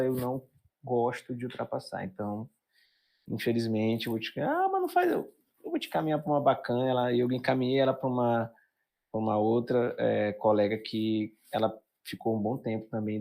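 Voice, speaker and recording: Gravelly-voiced Brazilian man telling stories. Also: mid-range voice. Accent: Brazilian Portuguese. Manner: animated, acts out quoted people. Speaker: psychologist guest. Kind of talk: casual storytelling.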